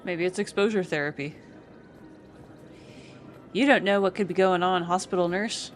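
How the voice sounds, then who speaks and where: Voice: medium pitch, normal speed, faint music behind. A streamer chatting casually and sarcastically over gameplay.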